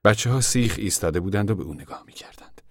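A man narrating a novel in a soft, measured voice that is often hushed. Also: on the low side, expressive, no echo, clean studio sound.

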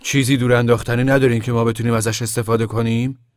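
A man's voice: mid-range voice, level tone, dry recording, studio quality, in a large hall, pitched above the performer's own voice, close to an everyday voice. A man voicing a timid, beaten-down older squatter who gives hesitant, downcast answers, in a storybook reading.

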